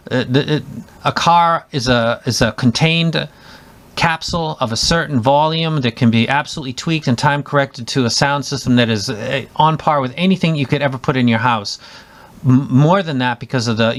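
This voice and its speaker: A man's voice: mid-range voice, fairly bright tone. A man giving a casual spoken headphone review, enthusiastic and rambling, with many restarts and fillers.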